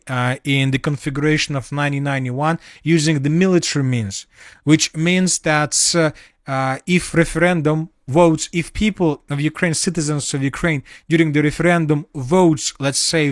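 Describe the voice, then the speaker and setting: Halting man analyzing war news. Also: a little high, dry recording, clean studio sound. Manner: halting, many fillers and restarts, non-native phrasing. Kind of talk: solo spoken analysis.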